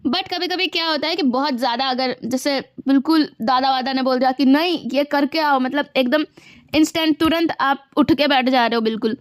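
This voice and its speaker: A woman teacher explaining grammar for exam preparation, asking students whether they follow and reading example sentences slowly. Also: sits high, no room sound, studio quality. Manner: explains step by step, asks students if they understand; reads English example sentences slowly and deliberately. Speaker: English teacher. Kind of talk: exam-prep grammar lesson.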